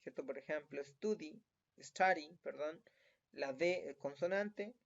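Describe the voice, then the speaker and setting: Chilean man, teacher, high-ish voice, slow and patient, dull lo-fi recording. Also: vocal fry. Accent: Chilean Spanish. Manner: patient, checks in often with tag questions. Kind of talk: recorded classroom lesson.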